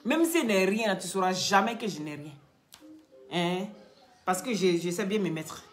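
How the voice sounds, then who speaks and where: A woman's voice: medium pitch, lively intonation, moderate pace, soft background music. A woman giving emphatic live-stream commentary, scolding her viewers and often asking them "hein?".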